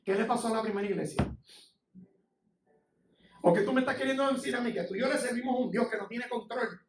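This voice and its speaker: Preaching fast in a very high voice, a middle-aged Puerto Rican pastor shares his personal testimony in an impassioned, conversational sermon. Noise fills the background of the church sanctuary, and the recording is echoey and distant. His accent is Puerto Rican Spanish.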